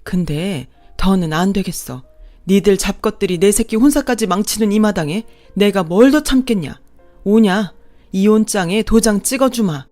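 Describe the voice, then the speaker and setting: A woman's voice: mid-range voice, normal speed, soft background music, close to an everyday voice. A woman playing a fierce, defiant mother-in-law. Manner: forceful, cutting, defiant. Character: long-suffering mother-in-law, finally fierce.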